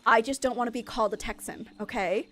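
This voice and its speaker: Streaming a game, a woman from Maine rambles casually to her viewers, laughing often. She talks fast in a fairly high, sharp-toned voice.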